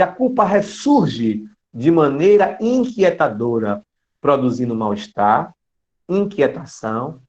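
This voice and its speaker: A man giving an online spiritist lecture in an expressive storytelling manner, with dramatic shifts in his voice. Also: fairly high pitch. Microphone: computer mic on a video call. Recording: dull lo-fi online call audio.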